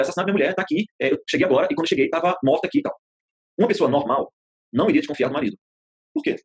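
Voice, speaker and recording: A male instructor teaches an informal class at a rapid clip, his voice slightly husky and pitched a bit high. He explains through anecdotes and everyday comparisons, often repeating phrases to press a point. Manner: colloquial, storytelling, repeats phrases for emphasis. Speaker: therapy course instructor. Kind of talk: informal online class lecture.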